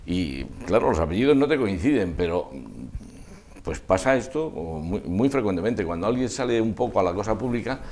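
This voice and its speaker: An older man reminiscing in an interview, discursive and halting, often trailing off mid-thought. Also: fairly low pitch, lively intonation, darkish tone, slight background noise. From Spain. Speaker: interview guest, festival proclamation speaker.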